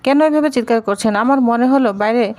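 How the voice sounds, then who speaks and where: A woman voicing a bold young daughter-in-law who answers back with calm, cutting retorts. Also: on the high side, brisk, lightly acted. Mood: cool, defiant.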